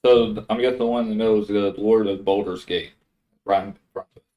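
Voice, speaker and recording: A man's voice: fairly low pitch, fairly even intonation, fast talker, phone-quality sound. A man chatting casually as a player at a tabletop game.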